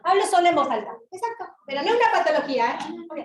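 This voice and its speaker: A woman lecturer with an Argentine accent, giving an animated university talk and asking her audience questions, recorded in a large lecture hall. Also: very high voice, rapid-fire. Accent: Argentine Spanish. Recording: roomy hall sound, mic at a distance.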